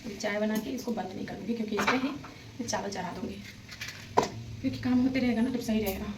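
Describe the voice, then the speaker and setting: A young woman talking through her household chores in a casual daily vlog, rambling, speaking softly and holding the phone herself. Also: mid-range voice, fast, far from the mic. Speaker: vlogger. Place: home kitchen. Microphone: handheld phone. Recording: echoey room with household noise.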